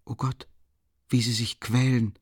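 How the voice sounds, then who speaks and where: A man voicing a timid, frightened young woman who speaks in anxious, breathy, hesitant tones. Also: mid-range voice, flat delivery, measured pace, no echo, studio quality, voice pushed up. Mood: pained.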